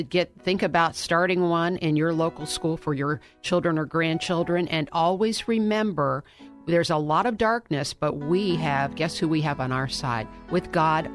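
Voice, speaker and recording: A man's voice: on the high side, a bit bright. A man hosting a radio interview, affirming his guest and encouraging listeners. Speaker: radio show host.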